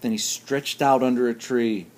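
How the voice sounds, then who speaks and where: A man reading a children's story aloud in an expressive, sing-song way. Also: medium pitch, normal speed. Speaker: narrator.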